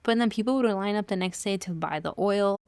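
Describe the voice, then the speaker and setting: A woman's voice: mid-range voice, fairly quick, a little mellow, clean tone, no echo, clean studio sound. A woman in her thirties from Cuba, co-hosting a casual podcast chat, laughing often and telling stories. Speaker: podcast co-host.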